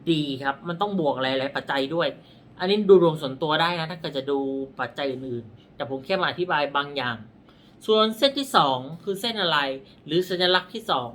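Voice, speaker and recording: A man's voice: fairly high pitch, fairly bright tone, a little hiss or hum. Blunt, rambling male palm reader. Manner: blunt, rambling, self-correcting, pointing at his palm. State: dry throat. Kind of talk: casual explanatory talk.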